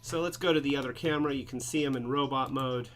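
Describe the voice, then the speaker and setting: A man's voice: medium pitch, steady tone, fast, a bit bright. A man hosts a casual live stream while a little drunk, his words slurring as he rambles and restarts. Faint music plays behind him. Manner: rambling, restarts, a bit tipsy. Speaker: host of a toy live stream.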